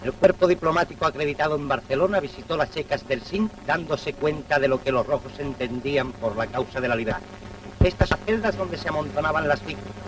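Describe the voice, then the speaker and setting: High-pitched male old newsreel narrator, noisy recording. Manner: declamatory, rhetorical, solemn. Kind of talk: 1930s old newsreel narration, scripted propaganda commentary. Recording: noisy, distant 1930s newsreel soundtrack.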